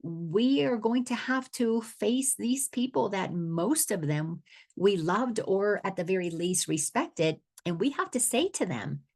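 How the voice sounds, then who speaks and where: A woman's voice: medium pitch, expressive, measured pace, darkish tone. A middle-aged woman from the Dominican Republic, an awareness coach giving a spiritual teaching talk, earnest and often restarting her words.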